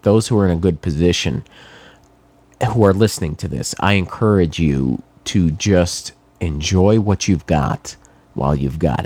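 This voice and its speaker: Deep and a little mellow, with no echo, the voice belongs to a middle-aged New England man who is congested from a cold. He talks casually in a meandering, wryly sarcastic monologue packed with fillers.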